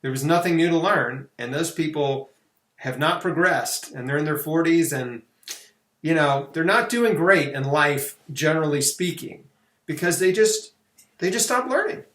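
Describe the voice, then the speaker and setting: A middle-aged man hosts a casual interview, chatting informally and telling anecdotes, dropping "you know" throughout. His voice is a little high and a bit bright, with lively intonation at a moderate pace. The recording sounds roomy and echoing.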